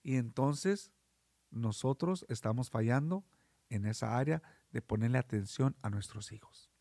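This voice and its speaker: A man's voice: mid-range voice, expressive, measured pace, gravelly, dark tone, no room sound. A man co-hosting a podcast, casual and earnest as he advises parents. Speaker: podcast co-host. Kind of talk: casual chat.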